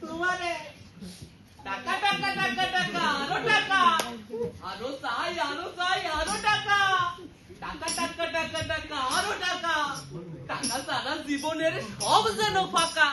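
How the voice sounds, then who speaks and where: A woman's voice: very high-pitched, unhurried. Woman playing a money-mad greedy man. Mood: greedy chant. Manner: chanting, mocking, blustering. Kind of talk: stage drama acting. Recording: echoey hall from far off with crowd.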